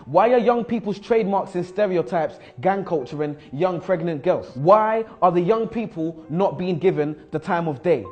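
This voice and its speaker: A bold, frustrated student, acted by a young man, delivering an insistent spoken-word monologue. The voice sits fairly high for a male, with rhetorical, rhyming phrasing. Faint music plays underneath. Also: animated, moderate pace, hardly any pauses, muffled recording. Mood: frustrated, questioning. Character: bold, frustrated male school student challenging his teacher.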